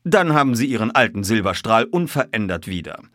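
A man voicing a calm, unshakably composed male detective in a raised voice. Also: on the low side, brisk, no room sound, clean studio sound, pitched above the performer's own voice. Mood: calm, revealing.

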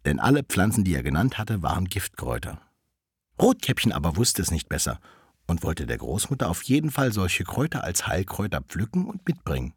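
Deep, lively fairy-tale narrator. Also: male voice, brisk, husky, no echo, studio quality. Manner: expressive, animated storytelling. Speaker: storyteller.

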